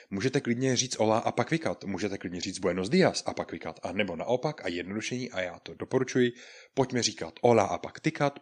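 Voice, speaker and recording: A man with a somewhat low voice teaches beginners in an online language lesson. He explains step by step and repeats each phrase. He acts out the greetings in a brighter, raised tone. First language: Czech. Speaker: Spanish teacher.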